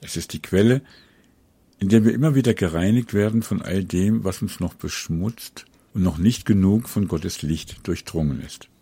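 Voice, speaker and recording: A man giving a spoken sermon in an earnest, measured devotional tone. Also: deep voice, dark tone, husky, no room sound. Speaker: preacher.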